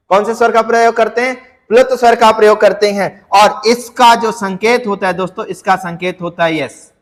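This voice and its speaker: High-voiced male teacher in a reverberant room. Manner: repeats questions and answers them to students; stretches words out to demonstrate. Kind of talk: exam-prep lecture.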